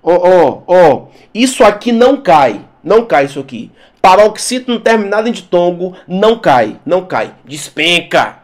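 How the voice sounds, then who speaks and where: A male teacher giving a lively exam-prep lesson, repeating words for emphasis and talking straight to his students. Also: high voice, moderate pace, few pauses.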